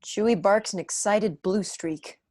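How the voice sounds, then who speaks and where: A young adult woman takes a measured pace as she narrates stage directions in an online table read, her medium-pitched voice darkish in tone. She's in a small room at home, heard through wired earphones on a video call, and the recording is dry and studio quality.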